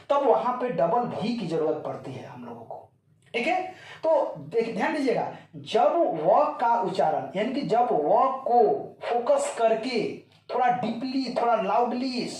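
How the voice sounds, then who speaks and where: A male teacher, giving a classroom grammar lesson that slowly repeats each point and keeps asking if it is clear. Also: high-pitched, a little mellow. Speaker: English teacher. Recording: echoey room, voice from far off.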